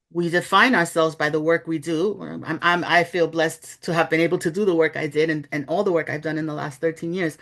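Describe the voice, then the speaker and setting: A middle-aged New Yorker, an author and journalist, reflects on her story as an interview guest in a fairly low, fairly bright voice. She speaks candidly and sprinkles in plenty of "you know" asides.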